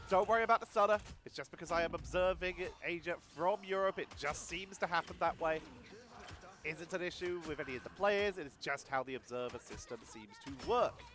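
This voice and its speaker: A man casts an esports match solo from his home setup, his voice a little high, brisk, and a bit bright but nasal with a cold. Between play-by-play calls he stays chatty, thinking out loud.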